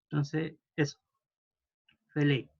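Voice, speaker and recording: A man teaching a language class, patiently modelling words slowly for students to repeat. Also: on the high side, flat delivery, creaky, no echo, highs cut off. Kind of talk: classroom pronunciation lesson.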